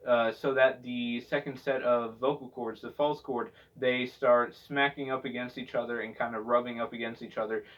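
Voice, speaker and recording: A man's voice: medium pitch, fairly bright tone. Distant, dull-sounding man giving a casual tutorial. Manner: hesitant, rambling, repeats phrases. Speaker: vocal technique instructor.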